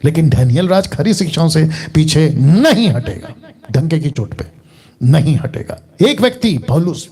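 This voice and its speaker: Emphatic pastor with a husky high voice. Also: male voice, very animated, measured pace, warm tone. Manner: emphatic, repeats lines, rhetorical questions to viewers. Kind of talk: online sermon.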